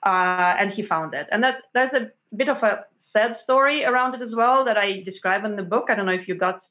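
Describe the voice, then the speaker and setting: An author guest, a woman whose first language is Russian, tells stories in a conversational interview with a brisk, medium-pitched, animated voice. She restarts often, uses many fillers and acts out quotes.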